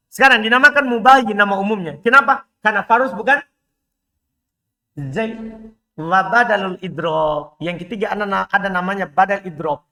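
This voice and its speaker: A man teaching Arabic grammar in a live class, explaining each point and often asking his students quick questions to check they follow. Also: very high voice, pushed and bright.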